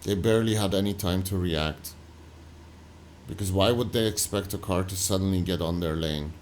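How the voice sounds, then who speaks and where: A man hosting a reaction video, talking loosely and haltingly over footage he is watching. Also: low-pitched, darkish tone, a little hiss or hum. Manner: loose, halting, full of "like" and restarts. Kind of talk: casual commentary over footage.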